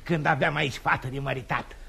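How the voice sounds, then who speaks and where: An actor playing a hot-tempered but soft-hearted older father, blustering and theatrical in a stage comedy. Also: a little high, steady tone, vocal fry, breathy edge, exaggerated voice. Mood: scolding. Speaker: father of a marriageable daughter.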